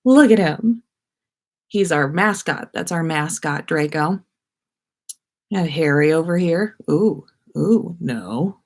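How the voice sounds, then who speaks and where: A woman's voice: low voice, animated, slow. A woman hosting a livestream from her bedroom, chatting eagerly and restarting her sentences. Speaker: podcast host. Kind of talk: casual livestream chat.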